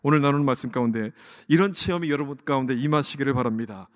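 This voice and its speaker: A man's voice: medium pitch, quick pace. A pastor preaching an earnest sermon to his congregation in a church, often asking them questions. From Korea. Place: church sanctuary. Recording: long church hall reverb.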